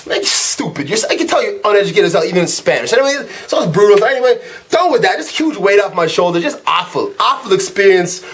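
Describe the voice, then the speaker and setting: A man hosting his own channel, delivering a comedic, profane rant monologue in an animated way. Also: high voice. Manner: fast-talking, animated and profane. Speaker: channel host.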